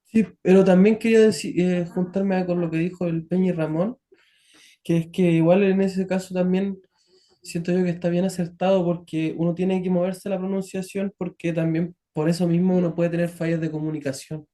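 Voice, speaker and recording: A man, a student on a video call, speaks in a high but very dark, mellow voice. He sounds earnest and a little hesitant. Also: level tone, moderate pace.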